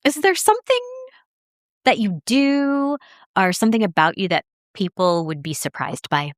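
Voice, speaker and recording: A woman's voice: medium pitch, very animated, normal speed. A woman hosting a podcast, asking friendly questions and then reading a scripted sign-off in an encouraging way. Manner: warm, encouraging, laughs often. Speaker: podcast host. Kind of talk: casual interview, then scripted outro.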